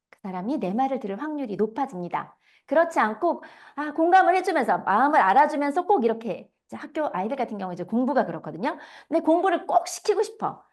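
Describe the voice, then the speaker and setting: Woman lecturer, thirties, high animated voice, questions the audience. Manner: lively, asks the audience questions. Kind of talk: online lecture.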